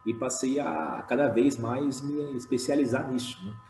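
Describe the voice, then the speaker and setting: A man and slam poet talking casually on an online panel, with many fillers and lively retellings. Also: mid-range voice, normal speed, roomy sound, soft background music, rough recording. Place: home room.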